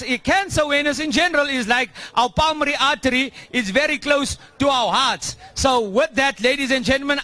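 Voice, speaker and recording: A man with a broad South African accent hosting a live event as an excitable, slangy announcer. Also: very high voice, no room sound. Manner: excitable, slangy, shouting at times. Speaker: event host on stage.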